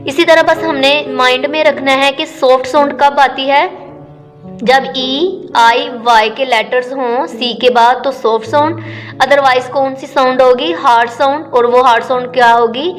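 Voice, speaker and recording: A woman with a high voice explains phonics rules like a classroom teacher. She asks a question, answers it herself, then goes over it again. Her voice trails off into a long reverb, with soft music underneath. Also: fairly even intonation, measured pace.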